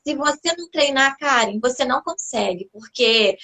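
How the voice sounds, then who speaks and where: A woman with a very high voice talks about raising children in a relaxed conversation. She speaks with emphasis, asking short rhetorical questions and answering them herself. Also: moderate pace. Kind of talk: casual parenting chat.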